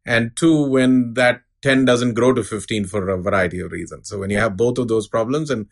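A middle-aged man giving a measured, unscripted explanation as an expert interview guest. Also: mid-range voice, creaky. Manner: measured, explanatory, uses analogies. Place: studio.

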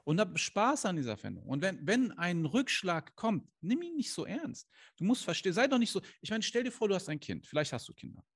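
A man's voice: sits high, wildly swooping pitch, a little fast, creaky, husky. A man speaking as a life coach straight to the camera, earnest and direct, asking rhetorical questions and dropping into emphatic bursts, with Islamic phrases woven in. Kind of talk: motivational coaching talk to camera. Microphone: camera he adjusts himself.

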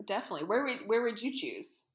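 A woman guest on a podcast, relaxed and chatty, laughing easily while she has the hiccups. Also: on the high side, quick pace, roomy sound. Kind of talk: casual interview chat.

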